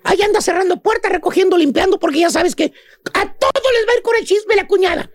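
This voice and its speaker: A squeaky, sky-high comic professor on a radio comedy show, shrieking his lines with theatrical scorn and mimicking gossipy women. The sound is dry and close, with no room around it. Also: fast talker, no echo, faint music behind. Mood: mocking. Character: shrill mocking gossip-hating male professor.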